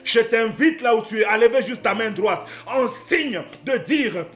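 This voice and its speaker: A man preaching a sermon with fervour, often rising to a shout and repeating phrases. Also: very high voice, animated, measured pace. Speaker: pastor.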